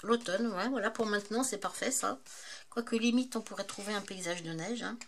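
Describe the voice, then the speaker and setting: A woman in a casual show-and-tell vlog about her craft supplies, chatty and hesitant, often pausing with fillers. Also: mid-range voice, slight background noise. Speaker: craft vlogger.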